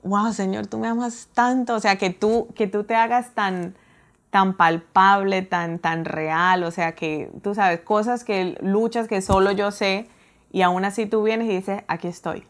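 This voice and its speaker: A woman telling a personal story in a casual, animated way, acting out her own reactions. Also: medium pitch, measured pace. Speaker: guest telling her testimony.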